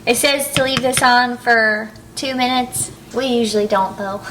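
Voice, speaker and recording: A woman's voice: fairly high pitch, steady tone, a little slow, reverberant, noisy background. A woman co-hosting a home food-tasting vlog, chatty and upbeat. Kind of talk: casual food-tasting chat.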